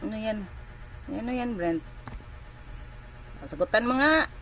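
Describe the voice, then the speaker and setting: A woman's voice: fairly high pitch, animated, measured pace, background noise. A woman from the Philippines chatting casually in a home vlog, rambling and often searching for words as she shows what she cooks and buys. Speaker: home vlogger and mother.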